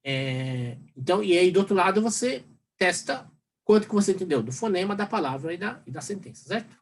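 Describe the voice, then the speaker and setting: A man's voice: high voice, lively intonation, a little fast. A Brazilian man teaching a university lecture in a rambling way, full of fillers and tag questions. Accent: Brazilian Portuguese. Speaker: university professor. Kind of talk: recorded lecture.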